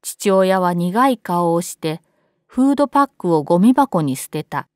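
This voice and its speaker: A woman's voice: on the low side, lively intonation, normal speed, no echo. Woman narrator, dry close sound. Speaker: narrator reading a scary story. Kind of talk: scripted narration.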